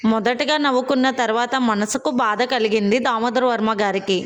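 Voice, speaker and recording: A woman reading a serialized family story in a steady, plain storytelling voice. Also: fairly high pitch, normal speed.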